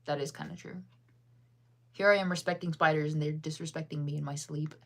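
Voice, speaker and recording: A woman's voice: low voice, fairly even intonation, fairly quick. A young woman from the US, chatting casually on a live stream, laughing often and answering her chat. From United States. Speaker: livestreamer.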